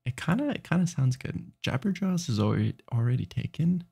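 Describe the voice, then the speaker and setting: A man's voice: medium pitch, big pitch swings, a little fast, gravelly, dark tone, breathy edge. A sleepy man streaming late at night, rambling and restarting his sentences as he chats. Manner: rambling, self-interrupting, tired.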